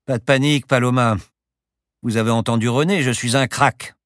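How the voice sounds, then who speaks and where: A man's voice: medium pitch, fairly even intonation, normal speed, a bit bright, no echo, clean studio sound, voice pushed up, lightly acted. A man voicing a boastful, eccentric professor who flies a plane and talks in grand, teasing phrases. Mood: playful boastful. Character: boastful eccentric old professor pilot, playful.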